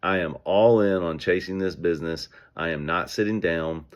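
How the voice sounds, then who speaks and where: A man speaking as a business owner, telling stories and giving advice in an energetic, conversational way. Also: sits low, moderate pace, highs cut off. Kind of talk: casual motivational talk.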